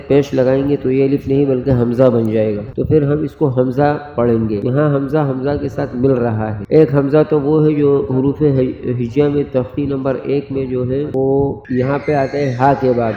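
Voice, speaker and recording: A man teaching Quran reading step by step, patiently sounding out letters slowly and repeating them. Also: medium pitch. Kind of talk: step-by-step recitation lesson. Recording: roomy, long echo, dull lo-fi sound.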